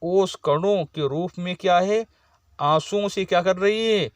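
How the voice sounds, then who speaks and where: A man's voice: sits high, a little slow, no room sound, studio quality. A man teaching a class, reciting lines of poetry and explaining each phrase in plain words. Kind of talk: line-by-line poetry explanation lesson.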